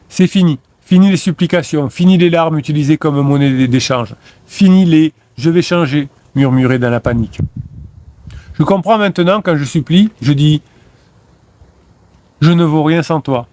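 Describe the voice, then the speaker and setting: A man's voice: fairly high pitch, darkish tone. A man, a motivational coach, reciting first-person affirmations in a declamatory, repetitive way.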